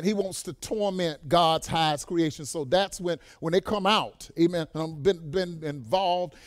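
A man preaching a sermon to a church congregation, swelling into loud exclamations and dropping quiet while telling stories, sprinkling in amens. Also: high-pitched, dry recording, clean studio sound. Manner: punctuates lines with "amen" and "bless God". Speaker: pastor.

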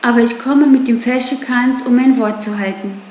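A woman's voice: a little high, fairly even intonation, normal speed, a little mellow, reverberant, a little hiss or hum, lightly acted. A woman voicing a defiant wild boy raised by wolves, scornful and taunting. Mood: resolute.

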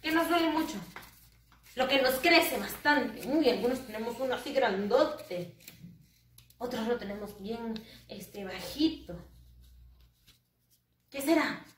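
A woman's voice: fairly high pitch, expressive, slow, pauses often, a little hiss or hum. A woman teaching English to first graders in a sing-song, coaxing way, answering her own questions in children's voices. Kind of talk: children's lesson. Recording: roomy, distant from the mic.

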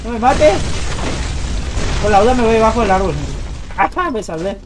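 A man giving excited live commentary on his gameplay, calling out to teammates and his chat as he plays. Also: high voice, moderate pace, over music. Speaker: gaming streamer.

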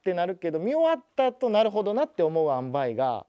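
A man's voice: sits high, very animated, quick pace, lo-fi sound, a crowd in the background. A man appearing as a guest film director, explaining things casually in studio conversation. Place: large bright indoor TV studio.

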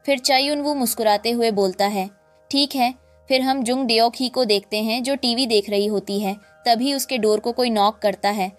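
A woman narrating a drama recap in a lively storytelling way, acting out the quoted lines. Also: fairly high pitch, moderate pace, hardly any pauses, faint music behind.

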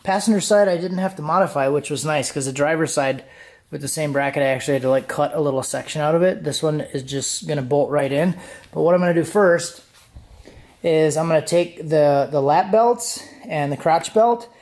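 A man in his thirties with a higher-than-average, darkish voice speaks briskly and casually to the camera in his home garage. As a car-build vlogger, he explains things informally, and the sound is roomy with garage echo.

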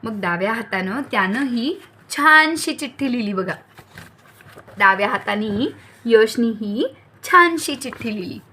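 A woman reading a children's story aloud, talking directly to young listeners in a lively way. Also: fairly high pitch, a little slow, slightly rough.

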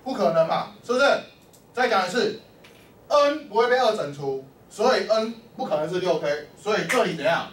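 A man's voice: sits high, animated, normal speed, fairly bright tone. Guy teaching math, mic far off, roomy echo, keeps quizzing the class. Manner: constantly quizzes the class, peppering speech with "lai" and "o" prompts. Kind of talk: classroom lecture. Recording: echoey classroom from far off with faint hum.

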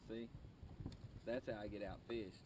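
A man's voice: lowish voice, fairly even intonation, measured pace, heavy background noise. A man chatting casually while fishing from a boat on a lake, teasing his partner and narrating each catch. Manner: teasing, laid-back running commentary. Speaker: fishing guide and video host. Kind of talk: casual on-camera fishing chat. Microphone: camera mounted on the boat.

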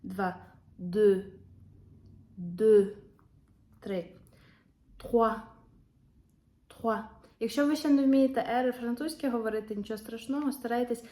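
A young woman teaches a beginners' language lesson at an unhurried pace, with a mellow, warm tone. She repeats each new word twice, clearly and carefully. The room around her gives the voice a noticeable echo. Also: on the high side. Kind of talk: patient classroom explanation. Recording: roomy echo.

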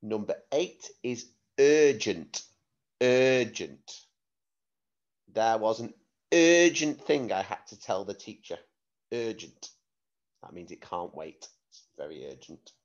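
A man speaking as a primary school teacher, giving slow, deliberate spelling dictation, repeating words and spelling them out letter by letter. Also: fairly low pitch, big pitch swings, muffled recording.

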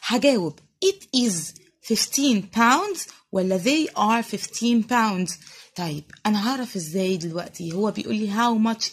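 Woman, Egyptian Arabic accent, primary English teacher, slow drawn-out words, husky voice. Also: medium pitch, expressive. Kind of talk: recorded classroom lesson.

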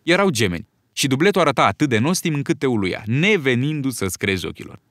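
Male storyteller, lively, expressive intonation, dry close studio sound. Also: medium pitch, dry recording. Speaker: audiobook narrator. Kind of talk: scripted narration.

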